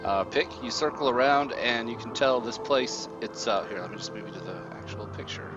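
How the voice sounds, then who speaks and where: A man runs a tabletop game as game master in a casual, conversational narrating style. His pitch is average, and music plays clearly behind him. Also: a little fast, dull audio.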